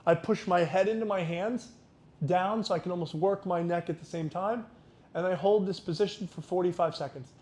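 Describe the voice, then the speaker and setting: A man guiding exercises as a mobility instructor, explaining each step in a careful, unhurried way. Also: high voice, a little mellow.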